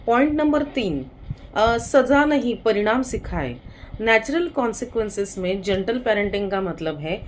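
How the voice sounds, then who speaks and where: A woman's voice: on the high side, a little mellow, slight background noise. A woman with an Indian accent, a psychologist and counselor, giving a parenting advice talk in an explanatory way, slipping English terms into her speech and using frequent fillers.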